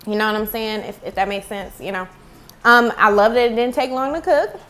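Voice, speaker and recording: A woman's voice: fairly high pitch, fairly quick, fairly bright tone. A woman chatting casually to viewers in a food review vlog, recorded at home on earbud headphones. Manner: chatty, talks to viewers as y'all. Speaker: food vlogger. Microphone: earbud headphone mic.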